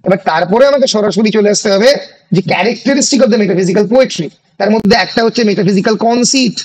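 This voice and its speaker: A male college English teacher with a Bengali accent, lecturing an online class and dictating exam questions in slow English phrases between Bengali explanations. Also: high voice, slight background noise, poor audio. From India.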